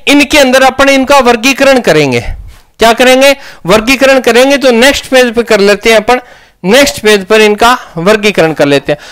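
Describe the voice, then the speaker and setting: A man's voice: extremely high pitch, fairly bright tone, smooth. A man teaching a grammar lesson, asking questions and answering them himself.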